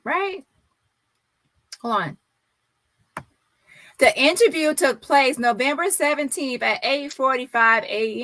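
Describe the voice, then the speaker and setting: Bright, sassy high-voiced woman commentator. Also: no room sound, poor audio. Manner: sassy, dramatic reactions with slang like "child", "hunty", "y'all". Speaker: commentary channel host. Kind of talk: casual news commentary, reading articles aloud with reactions.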